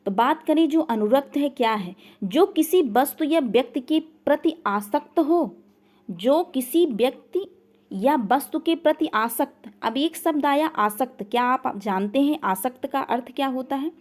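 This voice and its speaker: High-voiced woman teaching a grammar class. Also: lively intonation, normal speed, a little mellow. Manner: repeats questions and makes the learner answer back. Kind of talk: online class lecture.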